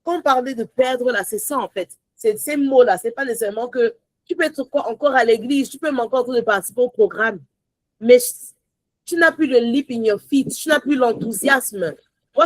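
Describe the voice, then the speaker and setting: An enthusiastic woman leading a Bible study, her fairly high voice jumping between bright near-shouts and quiet low asides, with English phrases slipped in. She is recorded close and dry in a small, quiet room. Her delivery is expressive and conversational. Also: moderate pace, no room sound, low-quality recording. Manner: lively, exclamatory, switches into English phrases; rises to joyful near-shouts, drops to soft low asides. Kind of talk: animated Bible study talk.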